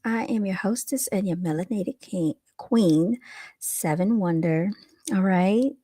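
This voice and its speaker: Speaking into a microphone, a livestream host chats casually with her viewers. She has a light voice of medium pitch, a slightly slow pace and a dark tone.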